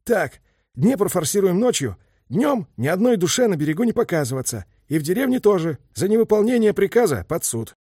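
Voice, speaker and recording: A stern army major giving orders in a measured, steady way, as a male narrator puts him on. The voice sits high for a man, a little husky, and dry. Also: no echo, exaggerated voice. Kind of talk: audiobook character voice.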